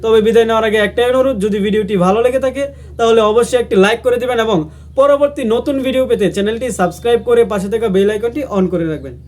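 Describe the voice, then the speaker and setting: A man from Bangladesh teaching a language lesson, slowly and patiently repeating each sound for his viewers. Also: extremely high pitch, a little mellow. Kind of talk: lesson explaining how to say letters.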